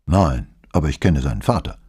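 Man reading a dry, measured detective. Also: a bass voice, animated, dark tone, husky, full character voice. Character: calm, dry-witted middle-aged male police detective.

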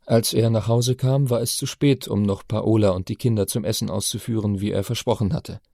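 A man reading an audiobook novel aloud in a measured storytelling manner. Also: fairly low pitch, fairly even intonation, vocal fry, warm tone, dry recording, studio quality. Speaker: audiobook narrator. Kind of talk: scripted narration.

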